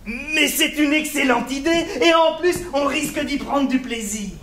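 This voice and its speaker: Actor playing pompous excitable man, hammy stage farce, extremely high pitch, roomy sound. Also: moderate pace. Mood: amused. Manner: hammy, declamatory. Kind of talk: comic stage play acting. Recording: echoey stage recording, faint noise.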